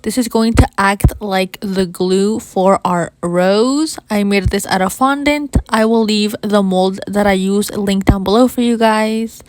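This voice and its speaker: A woman's voice: mid-range voice, fairly even intonation, unhurried, hardly any pauses, dry recording. A woman narrating a how-to baking tutorial in an informal way, with a slight lisp and whistling s. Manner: addresses viewers informally as you guys. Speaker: baking video host.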